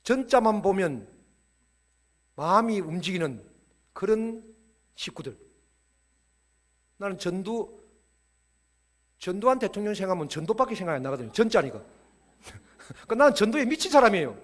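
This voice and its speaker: A man preaches to a church audience in an animated, playful lecture style. His voice sits high and swoops widely. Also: moderate pace, pauses often. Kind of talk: lively sermon-style lecture.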